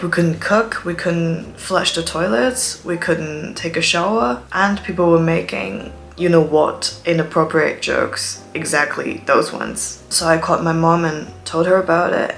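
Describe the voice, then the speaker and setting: A fairly low-pitched, fairly bright voice with vocal fry comes from a student vlogger in her twenties from Shanghai, China. She tells stories in a chatty, dramatic monologue, using English she picked up from TV with an accent between British and American.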